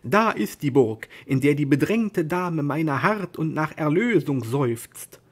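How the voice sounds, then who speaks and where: A man voicing Don Quixote, a lofty, deluded old knight, declaiming grandly and shouting orders. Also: fairly high pitch, expressive, slow, breathy edge, heavily acted. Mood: grandiose.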